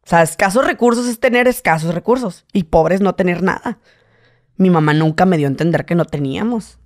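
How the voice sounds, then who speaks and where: A man in his late twenties from Tijuana, with a northern Mexican accent, speaks a little fast as a guest in a casual interview. He tells animated stories and slips into high voices to imitate people.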